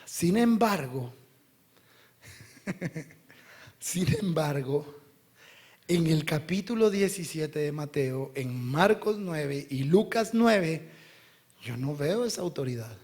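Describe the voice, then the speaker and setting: A male pastor preaching a sermon, talking directly to the listener and swinging between loud bursts and hushed lines. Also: fairly high pitch, animated, slow, pauses often.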